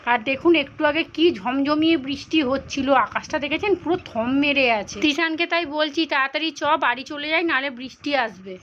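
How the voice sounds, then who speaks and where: A woman, hoarse from a cold, chatting casually and tiredly through a daily vlog. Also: high-pitched, moderate pace, hardly any pauses, dull audio, background noise. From India. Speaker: vlogger.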